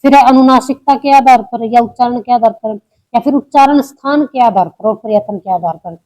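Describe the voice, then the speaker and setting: Woman teacher, grammar lesson, mellow voice, fairly high, patient step-by-step explaining. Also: fairly quick, poor audio. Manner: explains step by step, repeats questions and answers them.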